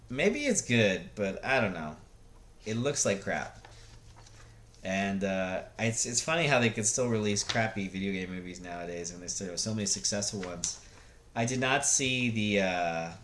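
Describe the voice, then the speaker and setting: A man whose voice is on the low side and a bit bright rambles through casual opinions like a vlogger, blunt and unscripted. He often stalls while searching for words, with slight background noise behind him.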